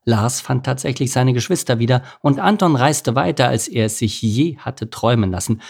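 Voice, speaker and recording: Creaky-voiced male storyteller. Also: medium pitch, normal speed, darkish tone. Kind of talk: children's story narration.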